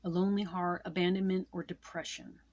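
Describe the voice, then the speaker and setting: Woman, lower voice, casual card-reading teacher, repeats points, loose and chatty. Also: flat delivery, a little fast, darkish tone, dry recording. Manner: repeats key meanings, with fillers and asides. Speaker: tarot and Lenormand card reader teaching. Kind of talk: casual instructional explanation.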